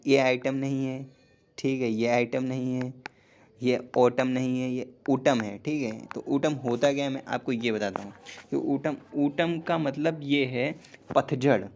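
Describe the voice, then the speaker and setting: A man in his twenties teaching an online English spelling lesson in a casual classroom way. He explains slowly, repeats each word several times and asks and answers his own questions. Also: medium pitch, creaky, a little mellow.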